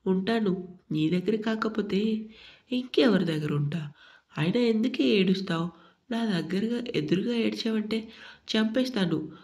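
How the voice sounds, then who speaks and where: A woman's voice: mid-range voice, unhurried, pauses often, darkish tone, lightly acted. Woman reading as a harsh young husband. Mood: threatening. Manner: harsh, threatening. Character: short-tempered possessive young husband.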